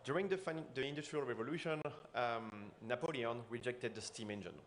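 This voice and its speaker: A man's voice: medium pitch, fairly quick. A man giving an earnest keynote talk at a conference, with frequent restarts and fillers. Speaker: conference speaker. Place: conference stage.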